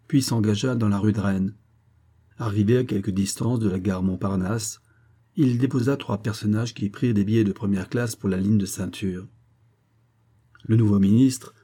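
A man reading a novel aloud in a steady, measured manner, as scripted narration. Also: lowish voice, breathy edge. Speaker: audiobook reader.

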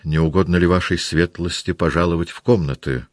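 Man voicing a displeased duty general, formal, stiff, low, dry. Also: steady tone, fairly quick, no echo, natural voice.

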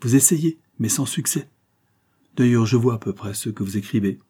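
A man's voice: medium pitch, moderate pace, warm tone, slightly rough. A male audiobook reader voicing a sardonic, fearless, frail man with a cutting, sneering delivery. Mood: mocking.

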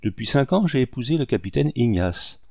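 Man voicing a gentle young wife, hospitable, soft-spoken, mellow tone, dry close recording. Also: mid-range voice, animated, a little fast, vocal fry, no room sound. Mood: tender. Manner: soft, coaxing delivery. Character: gentle young married woman, kindly host.

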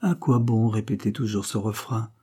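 A man's voice: on the low side, moderate pace, mellow, breathy edge. A man reading an audiobook, voicing a gloomy, resentful impostor duke who speaks in a bitter, defensive way. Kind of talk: audiobook character voice.

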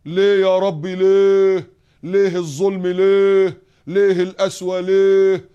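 A resentful man wailing his complaints in a slow, drawn-out, high whine, as a preacher mocks him. Each phrase is stretched out and raised. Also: level tone, dark tone, smooth, lo-fi sound. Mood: whining.

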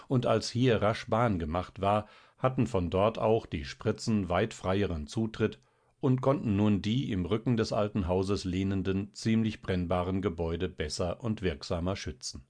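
A man narrating a classic novel as an audiobook in a steady, even reading. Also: sits low, measured pace. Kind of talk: scripted literary narration.

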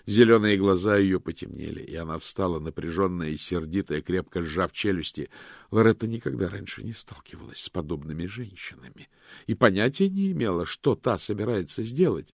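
A man reading a novel aloud as narrator, in an expressive, dramatic way. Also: sits low, a little fast, creaky, dry recording, studio quality. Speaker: audiobook narrator. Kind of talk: scripted narration.

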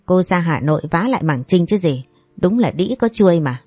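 A woman's voice: lowish voice, lively intonation, a little fast, dark tone, no echo, faint music behind. A woman voicing a spiteful, scheming young woman who sneers and insults her rival.

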